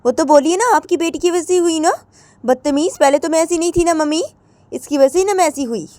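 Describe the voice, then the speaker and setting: A woman's voice: very high-pitched, fairly quick, warm tone, dry recording, voice pushed up. A woman voicing a young wife who keeps protesting her innocence and blaming her partner in a raised voice. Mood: defensive, indignant. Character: young wife Radhika, defensive and quarrelsome.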